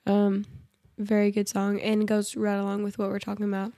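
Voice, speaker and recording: A woman's voice: medium pitch, completely flat delivery, moderate pace, mellow, no echo, clean studio sound. A woman co-hosting a faith podcast in easygoing chat, with a scratchy voice and a stopped-up nose. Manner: easygoing, lots of "like". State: congested, scratchy voice. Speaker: podcast co-host.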